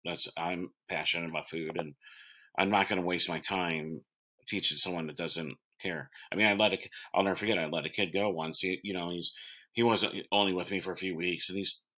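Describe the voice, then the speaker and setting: A man in his forties with a very low, bright and forceful voice, a chef telling an interviewer about opening restaurants. He rambles, circles back and restarts his sentences, with plenty of fillers along the way. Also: steady tone, fairly quick. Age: 40s. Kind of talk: casual interview.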